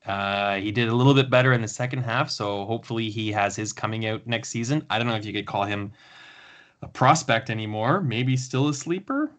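Low-voiced man hosting a casual chat. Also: a little fast. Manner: relaxed, talks in long runs with fillers. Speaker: podcast host.

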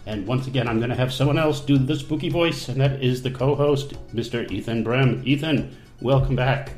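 Male podcast host, rambling self-mocking banter, mid-pitched, roomy sound. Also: normal speed, a little mellow, faint music behind. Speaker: podcast host and managing editor. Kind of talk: casual podcast chat.

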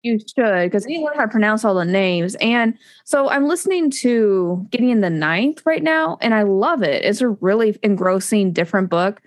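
In casual book talk on a podcast she co-hosts, a woman rambles with plenty of fillers and restarts. She sounds mid-range and expressive, keeping a moderate pace with few pauses.

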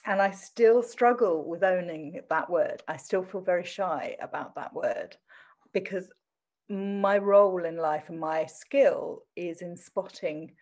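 A woman's voice: fairly low pitch, takes it slowly, a little mellow. A middle-aged woman from Essex with an adopted standard English accent and traces of Essex, talking thoughtfully and self-deprecatingly in a conversational interview. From Southend in Essex, England. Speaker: teacher and interview guest.

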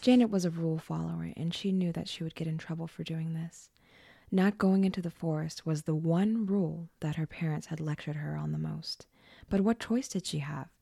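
A woman narrating a scripted horror story in a hushed, often whispered delivery. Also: low voice, steady tone, moderate pace, vocal fry, slightly rough, dry recording, clean studio sound.

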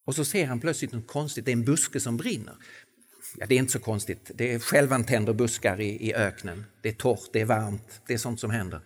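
A man preaching a sermon, swinging between quiet reflective passages and slow, emphatic, rising phrases. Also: medium pitch. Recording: long hall reverb.

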